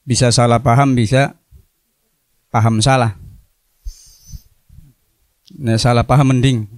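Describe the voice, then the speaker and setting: A man's voice: mid-range voice, fairly even intonation, takes it slowly, no echo. A middle-aged man, a religious teacher giving a classroom lecture on a religious text, explaining it word by word with playful asides on word meanings. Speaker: religious teacher at an Islamic boarding school.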